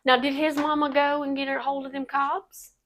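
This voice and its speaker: A woman with a somewhat high voice co-hosts a true-crime podcast. She throws in dry, sarcastic remarks as her partner tells the story. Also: level tone, normal speed, a bit bright, a little hiss or hum. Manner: sarcastic, joking reactions. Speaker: podcast co-host.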